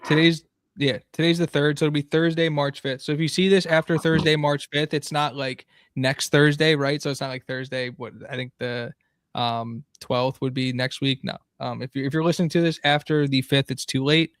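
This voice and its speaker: A man co-hosts a casual sports chat, rambling along with plenty of fillers. His voice is smooth and resonant. The sound is dry and close. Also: a little high, steady tone, moderate pace, a bit bright, no echo. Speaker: podcast co-host.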